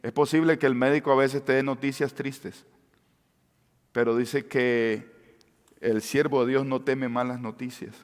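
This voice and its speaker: A man preaching a sermon with passion, swinging between loud cries and hushed words. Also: medium pitch, steady tone, a little slow. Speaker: pastor. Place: church sanctuary. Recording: long church-hall reverb.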